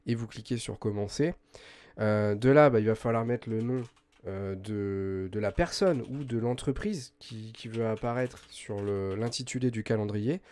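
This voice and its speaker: A man hosting a software tutorial, explaining step by step in a chatty way, full of hesitations and self-corrections. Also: fairly low pitch, moderate pace, clean tone. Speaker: host of a web tools tutorial channel. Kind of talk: screen-recorded software tutorial.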